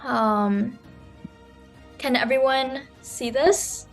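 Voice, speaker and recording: A woman's voice: high-pitched, extremely slow, soft background music. Chatty young woman presenting on a video call. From New York City, USA. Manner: chatty, full of "um" and "like" fillers. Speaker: student speaker presenting her nonprofit. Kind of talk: online conference presentation.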